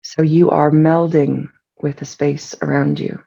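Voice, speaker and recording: This meditation guide sounds relaxed, with a soft, dark, mid-range voice carrying plenty of gravelly fry. Phrases come slowly and soothingly, separated by long pauses, and the recording is a little dull and lo-fi.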